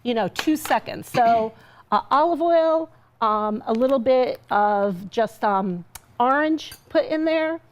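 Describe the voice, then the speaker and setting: Chatty woman guest cook, high voice, upbeat and laughing, studio kitchen, lapel mic. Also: expressive, takes it slowly. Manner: bubbly, chatty, laughs often. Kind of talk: TV cooking segment.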